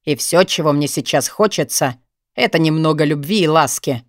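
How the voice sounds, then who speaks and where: Woman playing a smug young man, deep lowered voice, cold, lazy, sneering, dry audiobook read. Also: moderate pace, dry recording, natural voice. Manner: cold, sneering, lazily drawling. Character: menacing young male student, smug blackmailer.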